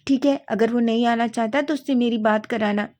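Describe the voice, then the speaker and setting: Loud, higher-pitched scolding sister-in-law, voiced by a woman narrator in a storybook reading. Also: steady tone, brisk, natural voice. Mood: bossy. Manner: shouting, scolding.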